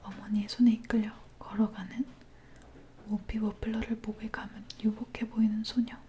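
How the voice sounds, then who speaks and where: A woman leaning in close to the ear microphone, reading a dark story aloud in a breathy, hushed ASMR whisper. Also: medium pitch, little pitch movement, moderate pace, a little hiss or hum.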